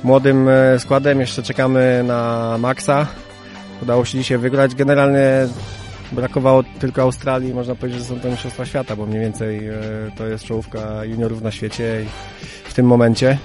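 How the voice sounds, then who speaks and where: A man's voice: medium pitch, flat delivery, moderate pace, darkish tone, soft background music. A male team coach giving a post-event interview, hesitant and repeating words as he searches for them.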